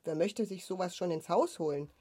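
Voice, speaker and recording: A woman voicing a weary, gentle father in a children's audiobook. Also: lowish voice, fairly quick, breathy edge. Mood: resigned.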